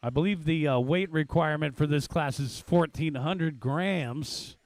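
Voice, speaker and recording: A man's voice: fairly high pitch, unhurried. A man giving live race commentary in a casual, chatty, exclaiming way as the announcer at a track.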